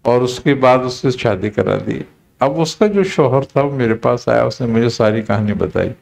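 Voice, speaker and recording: A man, a spiritual teacher, telling a story in a relaxed conversational talk and acting out the quoted dialogue. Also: mid-range voice, vocal fry. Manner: unhurried, recounting with quoted dialogue.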